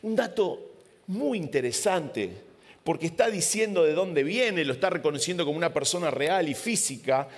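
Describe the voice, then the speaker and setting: Preacher, long hall echo. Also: male voice, on the high side, lively intonation, normal speed. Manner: dramatic, repetitive retelling with vivid sound words. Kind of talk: storytelling sermon.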